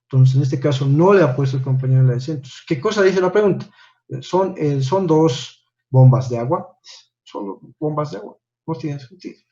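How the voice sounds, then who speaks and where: A man's voice: on the high side, a little fast, mellow, muffled recording. A man teaching an English class online, patiently correcting homework and checking in with "¿no?" after each point.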